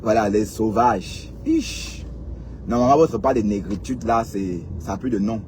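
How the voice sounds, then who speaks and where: A man's voice: lowish voice, moderate pace, darkish tone, slight background noise. Sarcastic man ranting on the road. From Cameroon. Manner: sarcastic, repeats words, fires rhetorical questions at viewers. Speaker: commentator addressing viewers. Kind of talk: casual ranting commentary. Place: in a vehicle on the road.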